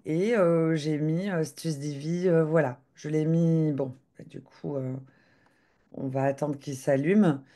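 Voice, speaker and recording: A woman giving a live software demo on a video call, talking hesitantly with lots of filler sounds and restarts. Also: deep voice, fairly even intonation, takes it slowly.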